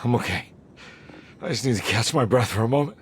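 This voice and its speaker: Frazzled detective with a swooping voice. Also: male voice, mid-range voice, animated, fairly quick, fairly bright tone, breathy edge. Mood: winded, resolute. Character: weary, frazzled private detective, dogged and sardonic. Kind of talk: video game cutscene acting. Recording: background music under the voice.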